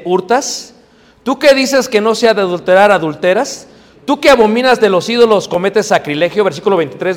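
A man from Mexico City with a Mexico City Spanish accent, preaching a lively sermon to young people and asking them questions. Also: high voice, in a large hall. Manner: lively, joking, asks the audience questions. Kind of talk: sermon to youth.

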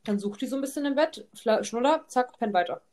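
Fast-talking chatty young woman. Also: a little high, expressive, a little mellow. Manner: chatty storytelling, constant tag "ne?". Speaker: podcast host, mother of two. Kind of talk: casual podcast chat.

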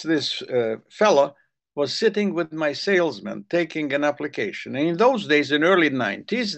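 Speaking in a fairly high, slightly bright voice, an older Hungarian-accented man originally from the Ukrainian Soviet Republic rambles through lengthy stories in casual conversation. When he restarts a thought, he repeats words.

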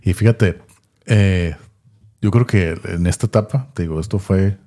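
A man's voice: low voice, unhurried, mellow. A man telling a personal story in a casual podcast chat, rambling and tagging his sentences with questions. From Tijuana, Mexico. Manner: rambling, repeats words, many tag questions. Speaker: podcast co-host.

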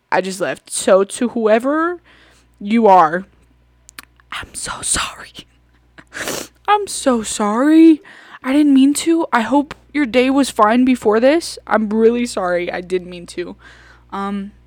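A woman's voice: mid-range voice, no room sound. A young woman hosting a podcast in a casual, rambling chat full of fillers and giggles. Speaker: podcast host.

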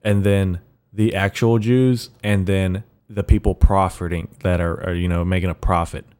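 A man with a raspy morning voice hosting a casual solo podcast, rambling haltingly with profane, slangy bro-talk. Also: low-pitched, fairly even intonation, a little mellow. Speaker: podcast host.

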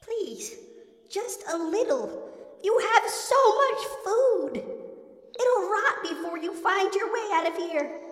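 A man's voice: very high voice, sing-song, slow pace, fairly bright tone, pitched above the performer's own voice, full character voice. A man voicing a meek, starving, blind young male rat who pleads timidly. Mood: pleading. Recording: echoey room with long reverb.

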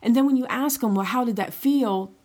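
A woman's voice: fairly high pitch, a little fast, a little mellow. Middle-aged female podcast co-host; casual, chatty, conversational. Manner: chatty, frequent "right?" and "you know". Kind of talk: casual chat.

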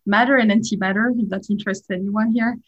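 A French woman in her forties, a startup founder, gives a casual interview in a fast, mid-range voice with fairly even intonation. She rambles and leans heavily on fillers like "like" and "uh," with a French accent. The recording sounds dull and lo-fi.

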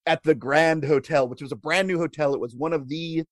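A man co-hosting a casual chat, telling food history with wry, deadpan jokes. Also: on the high side, brisk, no echo, studio quality. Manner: wry, deadpan jokes, laughs at own lines. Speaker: podcast co-host telling history.

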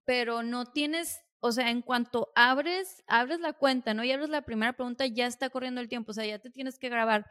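A young woman with a Mexican Spanish accent talks through a personal reflection on her podcast. Her voice sits a little high, and her delivery is chatty and confiding, with a self-deprecating streak. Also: normal speed, few pauses, fairly bright tone, clean tone. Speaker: podcast host.

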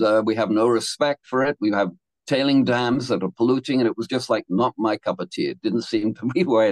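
A man in his seventies from England tells his life story as a guest in a casual interview, rambling, restarting, and laughing between thoughts. His voice is medium-pitched and darkish, and the recording is dry with poor audio.

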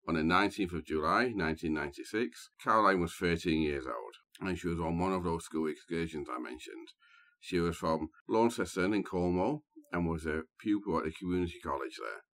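Very deep-voiced man hosting true crime. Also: fairly bright tone. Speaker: podcast host. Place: small booth, sharing a room with co-host.

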